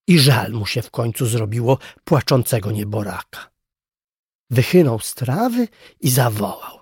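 A man narrates a children's forest tale slowly and unhurriedly. His voice is husky and gravelly, and its pitch moves a lot. The sound is close and dry. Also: dry recording. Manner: slow, gently expressive reading. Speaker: storyteller.

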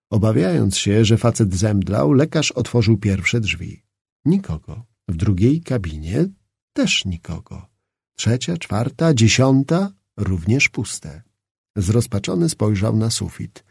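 A man reads a novel aloud with expressive, dramatic storytelling and a lively, swinging pitch. His voice is gravelly and husky. The recording is close and dry. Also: takes it slowly, dry recording. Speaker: audiobook narrator. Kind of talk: scripted narration.

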